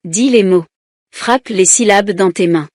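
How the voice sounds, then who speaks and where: Woman teacher, children's lesson reader, deliberate syllable-by-syllable delivery, dry mic. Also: medium pitch, a little mellow, dry recording. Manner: slow, deliberate, splits words into syllables. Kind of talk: reading a children's lesson aloud.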